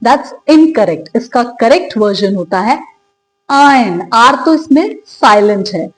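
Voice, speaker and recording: A woman teaching English pronunciation, asking questions and drawing out the example words slowly. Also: on the high side, animated, poor audio. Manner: slow, drawn-out English model words; asks learners questions and answers them. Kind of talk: spoken lesson in Hindi with English examples.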